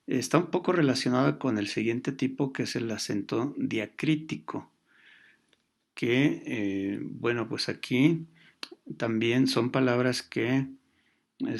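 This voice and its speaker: A man teaching a grammar lesson, explaining patiently with pauses and fillers. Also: medium pitch, vocal fry.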